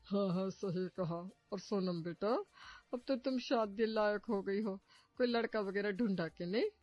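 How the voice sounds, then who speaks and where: A woman's voice: medium pitch, measured pace, no room sound, close to an everyday voice. Woman voicing a nosy neighbor aunty, gossipy, dry close sound, muffled. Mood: prying. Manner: gossipy, prying. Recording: muffled, a bit distant, faint music.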